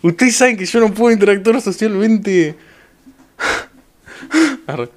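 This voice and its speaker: A young man with an Argentine accent streaming a game, talking excitedly to his viewers and repeating phrases over and over. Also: high-pitched, slow pace. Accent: Argentine Rioplatense Spanish. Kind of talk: live gameplay commentary.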